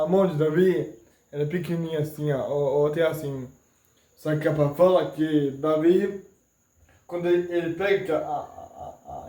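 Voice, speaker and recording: A man preaching an informal sermon, retelling Bible stories in a halting way with many fillers and restarts. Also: a little high, mellow. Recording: echoey room.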